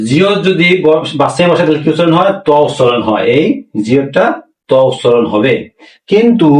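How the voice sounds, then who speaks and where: A man's voice: fairly high pitch, a little mellow. Echoey, distant male language teacher. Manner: repetitive, asks questions and answers them himself. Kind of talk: classroom lesson explaining pronunciation. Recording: echoey room, mic far off.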